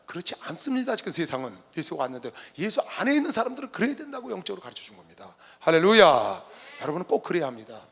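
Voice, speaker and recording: Impassioned high-voiced preacher man. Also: big pitch swings, racing, creaky, few pauses, breathy edge. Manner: impassioned, swings from loud to hushed. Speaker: pastor. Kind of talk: sermon. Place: large convention hall. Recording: long hall reverb.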